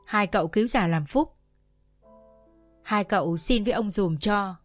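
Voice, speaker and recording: Một người phụ nữ đọc lời một bà cụ già đang khóc lóc van xin. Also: female voice, mid-range voice, unhurried, soft background music, lightly acted. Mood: begging. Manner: begging, plaintive. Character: old woman, tearful and begging.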